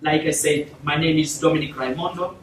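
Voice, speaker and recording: A young South Sudanese man giving a formal talk to a university class, thanking people warmly and using many fillers. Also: on the high side, fairly even intonation, fairly quick, slight background noise. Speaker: guest speaker. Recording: echoey classroom, from far off.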